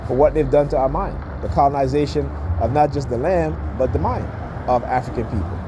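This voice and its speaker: A man's voice: medium pitch, brisk, background noise. A man giving an informal, opinionated rant, emphatic and often checking in with short questions. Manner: emphatic, repeatedly punctuates points with check-in questions like "right?" and "okay?". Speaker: speaker giving commentary.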